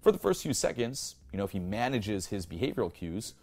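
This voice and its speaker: A man's voice: lowish voice, very animated, a little fast, darkish tone. A young man coaching on dating in a blunt, profane monologue, peppered with "you know" and "okay". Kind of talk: instructional monologue.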